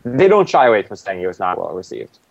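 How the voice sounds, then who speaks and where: A man chats casually about a TV episode, his pitch swinging up and down as he rambles with plenty of fillers. The recording is dry and a bit dull, with little room sound. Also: sing-song, quick pace, gravelly, dry recording. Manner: loose and rambling, many "like" fillers. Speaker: podcast co-host. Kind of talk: casual TV recap chat.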